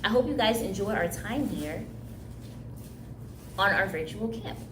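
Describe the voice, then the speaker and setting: With lively intonation and a mid-range voice, a young woman, Haitian Creole by first language, leads kids through a relaxed craft tutorial a little slowly. The recreation center room is echoey with background noise, and she comes across upbeat and chatty, laughing easily.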